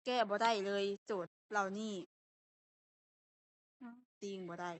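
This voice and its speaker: A woman's voice: medium pitch, fairly even intonation, takes it slowly, no room sound. A young woman tutoring a language class online, explaining step by step, repeating key terms and correcting herself aloud.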